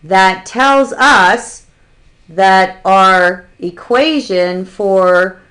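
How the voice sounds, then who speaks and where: A woman teaching a calculus lesson at an unhurried, deliberate pace. She walks through each step of the problem patiently and now and then drops a dry, sarcastic aside. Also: on the low side, a bit bright. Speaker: math instructor. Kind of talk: recorded calculus lecture.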